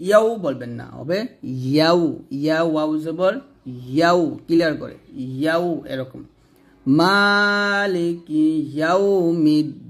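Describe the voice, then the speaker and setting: A Bangladeshi man teaching recitation, higher-voiced. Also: a bit bright. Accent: Bangladeshi Bengali. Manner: spells out letters and vowels, then chants words slowly and drawn out; quick spoken explanations between slow chanted syllables. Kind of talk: step-by-step recitation lesson.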